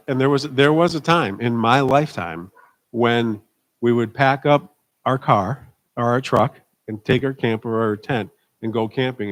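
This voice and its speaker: A man's voice: medium pitch, fairly bright tone. Middle-aged pastor guy preaching casual to his church, emphatic, keeps asking amen. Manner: emphatic, asks the congregation for amens. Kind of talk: informal conversational sermon. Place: church service.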